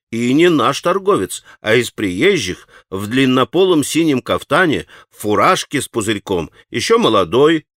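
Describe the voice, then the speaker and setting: A man narrating a classic novel in an expressive, theatrical reading. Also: mid-range voice, no room sound, studio quality. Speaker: audiobook narrator.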